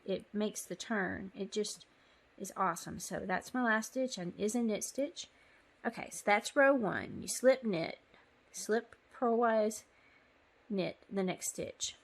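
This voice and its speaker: A woman giving a casual step-by-step knitting tutorial, chatty and apologetic, with frequent ums. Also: mid-range voice. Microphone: phone.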